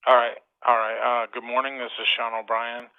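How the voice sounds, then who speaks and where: A man calling in over a speakerphone line, reading a prepared formal statement as a claimant, with deliberate pacing and frequent "uh" pauses. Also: mid-range voice, little pitch movement, narrow, tinny audio. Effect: heard over a speakerphone line.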